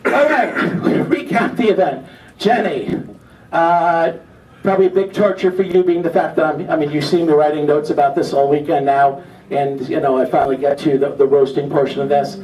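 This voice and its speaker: A man's voice: fairly high pitch, steady tone, moderate pace, a little mellow. A man acting as emcee, delivering a teasing, off-the-cuff comic monologue to a gathering. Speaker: auctioneer and event emcee. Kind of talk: joking opening monologue to a gathering. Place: large room at an event, audience behind. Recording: echoey hall, distant mic, audience noise.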